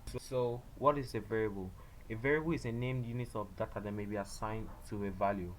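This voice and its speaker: A man giving a beginner programming tutorial, explaining step by step in a halting way and often repeating himself. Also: fairly low pitch, over loud music, low-quality recording. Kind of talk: screen-recorded coding tutorial. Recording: loud background noise and clicks.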